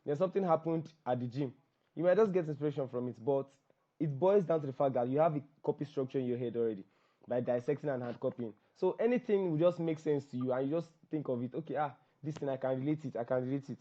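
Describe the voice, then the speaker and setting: A man answering questions in an online copywriting class, talking fast and repeating phrases, over a video call. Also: on the high side, warm tone, highs cut off. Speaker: guest copywriting teacher.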